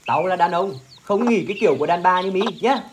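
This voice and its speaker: A man playing a stubborn, proud poor village husband who talks gruffly and dismissively and is quick to shout. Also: high voice, a little hiss or hum, lightly acted. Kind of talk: amateur village skit acting.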